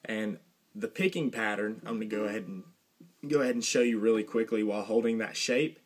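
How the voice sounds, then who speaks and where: A young man giving a casual guitar lesson, relaxed and rambling, with fillers and a dry joke now and then. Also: fairly low pitch, a little fast, husky. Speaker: guitar teacher. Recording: guitar playing behind the voice.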